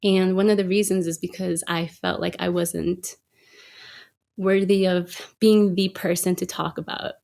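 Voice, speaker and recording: A woman's voice: lowish voice, fairly even intonation, measured pace, vocal fry, darkish tone. A woman photographer as a podcast guest, talking reflectively with hesitant restarts. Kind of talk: conversational interview.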